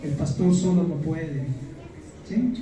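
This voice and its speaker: A man's voice: a little high, expressive, slow pace, dark tone, slight background noise. A man preaching a sermon to his congregation, earnest and often asking them questions. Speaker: pastor. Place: church. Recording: echoey church hall, mic far off, faint music.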